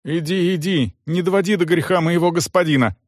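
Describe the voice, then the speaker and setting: A man's voice: a little high, a little fast, no room sound, clean studio sound, voice pushed up, close to an everyday voice. A man voicing a simple, chatty peasant servant who talks in a folksy, rambling singsong. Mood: bossy. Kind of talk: audiobook character voice.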